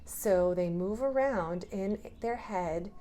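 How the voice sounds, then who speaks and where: Indoors at a table, a preschool teacher draws on paper cards while teaching small children hands-on, using simple language and posing easy questions. She has a mid-range, warm voice and a slow pace.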